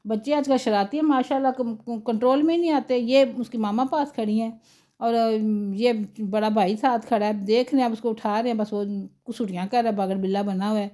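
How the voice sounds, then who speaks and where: Brief: middle-aged woman home-cooking vlogger, raised pitch, mellow tone, rambling and chatty. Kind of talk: casual vlog chat over footage.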